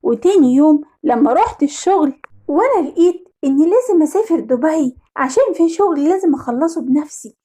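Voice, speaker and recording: Fast-talking Egyptian woman storyteller. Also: sits high, lively intonation, dark tone. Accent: Egyptian Arabic. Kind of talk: first-person story narration.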